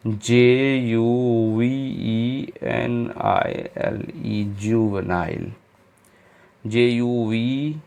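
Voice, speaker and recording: A man's voice: medium pitch, gravelly, darkish tone. A man teaching English spelling for exam preparation, spelling each word out letter by letter with informal asides. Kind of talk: exam-prep spelling lecture.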